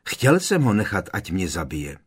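A man's voice: deep voice, huge pitch swings, husky, heavily acted. A man voicing an earnest, bewildered teenage boy wizard in an audiobook, hesitant as he asks. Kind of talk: audiobook character voice.

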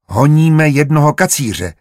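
A man's voice: mid-range voice, very animated, husky, dry recording, clean studio sound. A man voicing a stern, suspicious young Jesuit who questions people in a commanding way.

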